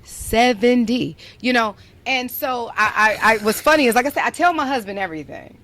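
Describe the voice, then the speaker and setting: A woman's voice: on the high side, moderate pace, a bit bright. A young adult woman hosting a podcast, chatting playfully and filling her talk with "like" as she tells a story. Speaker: podcast host. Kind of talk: casual chat, storytelling.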